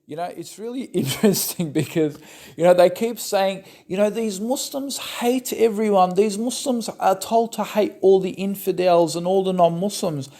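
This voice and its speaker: A young Western man of Turkish background delivers argumentative, sarcastic rebuttals as a religious commentator. His voice is high-pitched and warm, at a moderate pace.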